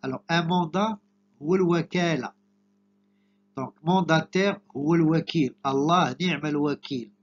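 A man with a Moroccan accent teaching an exam preparation lesson, explaining slowly and glossing words in Arabic. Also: on the high side, lo-fi sound. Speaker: French teacher.

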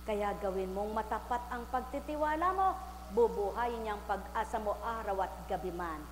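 A woman preaching a sermon, firing repeated rhetorical questions at the congregation and rising into loud exclamations. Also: mid-range voice, normal speed. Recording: echoey hall with faint hum.

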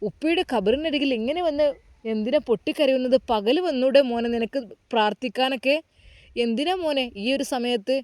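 A man's voice: extremely high pitch, a little fast, a little mellow, no echo, pitched above the performer's own voice. A woman voicing a kindly elderly male mosque caretaker who coaxes a grieving young man with tender questions. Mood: pleading concern. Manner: coaxing, repeats tender address, many questions.

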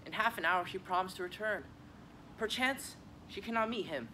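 A man's voice: high-pitched, moderate pace, pushed and bright, a little hiss or hum, rough recording. A teenage boy playing an eager, impatient young girl in love in a school Shakespeare reading, pleading and restless. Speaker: student actor.

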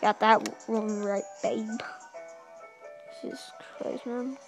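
A young woman giving casual, rambling commentary while playing a handheld game, excitable and full of asides, in a small dim room. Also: on the high side, slow pace, vocal fry, music in the background. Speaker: gameplay narrator. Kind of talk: casual let's-play commentary. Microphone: handheld camera filming a game screen.

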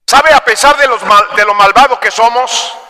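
Man, pastor, fiery sermon, sharp bright tone, echoing church hall. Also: very high voice, moderate pace. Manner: swings from soft storytelling to shouted preaching.

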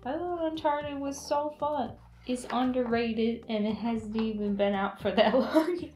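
A woman's voice: on the high side, a little mellow. Giggly young woman chatting in an echoey room. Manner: chatty and giggly, full of "like" fillers. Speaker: host. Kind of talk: casual chat. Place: small indoor room with a decorated table.

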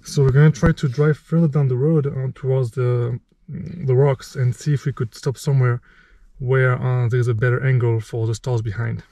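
A man in his thirties making a casual how-to vlog about night sky photography, talking in a relaxed way with many fillers, outdoors in a windy desert at night. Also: mid-range voice, normal speed, no echo, low-quality recording. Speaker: astrophotographer vlogger. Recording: loud wind noise outdoors.

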